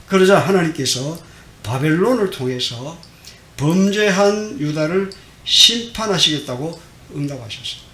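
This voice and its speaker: In a church sanctuary, a middle-aged male pastor delivers a Sunday sermon at a moderate pace, expressive throughout. He swings dramatically between quiet and loud, acts out the prophet's complaints, and poses questions to the congregation, all in an echoey hall with a faint rumble.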